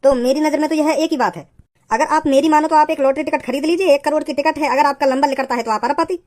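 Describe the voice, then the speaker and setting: A pushy cartoon salesman, voiced by a woman, who talks fast and high. He keeps up a smooth, persuasive sales patter without pausing. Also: darkish tone, lightly acted. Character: smooth-talking male lottery salesman, pushy. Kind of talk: cartoon voice acting.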